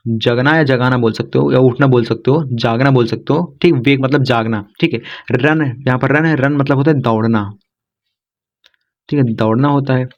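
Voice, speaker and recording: A man gives a vocabulary lesson at a middle pitch, repeating each word and checking in again and again. The recording is a bit dull and lo-fi. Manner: repetitive, keeps saying "thik hai". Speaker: English teacher. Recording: slightly dull lo-fi sound.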